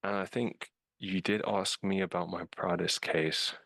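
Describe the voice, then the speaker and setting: In a dry recording, a British man speaks a little slowly in a low, gravelly, slightly rough voice with a fairly bright tone and little pitch movement. A scam investigator, he walks through a case with slides in a casual video-call webinar, informal and full of fillers like "um" and "like".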